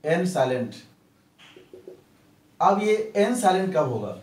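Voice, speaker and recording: A man teaching English pronunciation in Hindi, repeating each rule slowly and answering his own questions. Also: on the high side, big pitch swings, darkish tone. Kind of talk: Hindi grammar lesson. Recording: echoey room, distant mic.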